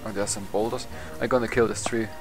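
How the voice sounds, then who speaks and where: A young man with a German accent, not a native English speaker, rambles through casual let's play commentary on his gameplay, swearing and laughing at himself. His voice is fairly low and steady, and he talks fast. The recording is low quality, with game music playing behind him.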